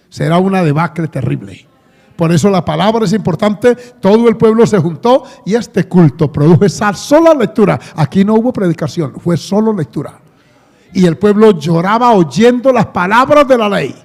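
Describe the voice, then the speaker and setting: High-voiced Colombian pastor preaching in a hall. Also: male voice, a little mellow. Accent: Colombian Spanish. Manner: conversational preaching with asides and questions to the congregation. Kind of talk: sermon. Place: church hall. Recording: long church hall reverb.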